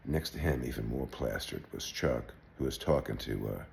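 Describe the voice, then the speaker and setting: An older man telling a wry personal anecdote in a relaxed, halting way, with wry understatement. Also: very deep voice, gravelly, a little hiss or hum. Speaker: storyteller. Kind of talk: personal anecdote told aloud.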